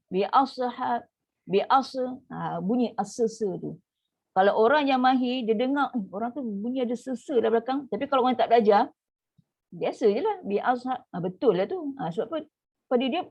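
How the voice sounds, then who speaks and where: A woman's voice: fairly high pitch, a little mellow. Malaysian woman teaching Quran recitation. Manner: explains casually, then models drawn-out recitation slowly; conversational with many "ha" fillers. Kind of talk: online tajwid class lesson.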